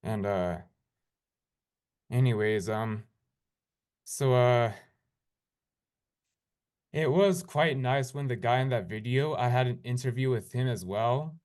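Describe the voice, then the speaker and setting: Male host, mid-range pitch, easygoing, filler-heavy delivery. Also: slow, pauses often. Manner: relaxed, with frequent uh fillers. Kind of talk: casual interview chat.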